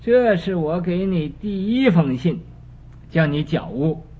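A man voicing a stern old male king of the underworld, who talks in a calm, measured, lecturing way. The recording is dull and lo-fi with a faint hiss. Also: fairly high pitch, breathy edge, exaggerated voice.

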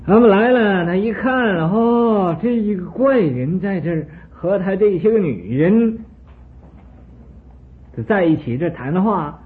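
A man's voice: sits high, expressive, unhurried. A man giving a storytelling Buddhist sermon, narrating animatedly with asides to his listeners. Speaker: Buddhist teacher. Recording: tinny phone-like sound with faint hiss.

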